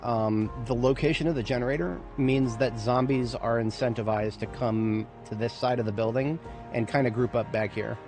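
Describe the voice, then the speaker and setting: A man's voice: mid-range voice, steady tone, moderate pace, music in the background. A man giving casual, rambling commentary on a game as a streamer, with playful, self-mocking remarks. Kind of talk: casual let's-play commentary.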